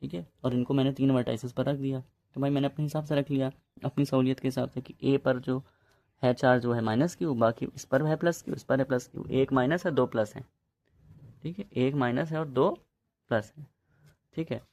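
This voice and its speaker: A man's voice: medium pitch, steady tone, brisk, a little mellow, no room sound. A man teaching a physics lesson in a casual, chatty way, often checking in with his students. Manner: chatty, addresses students as bhai, repeats ok.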